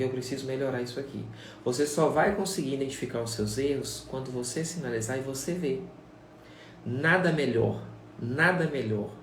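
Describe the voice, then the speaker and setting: A man's voice: mid-range voice, slight background noise. Man teaching. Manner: repetitive, conversational, addresses viewers directly. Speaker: sign language teacher. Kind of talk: casual live-stream lesson. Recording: echoey room, voice far from the mic, faint ambience.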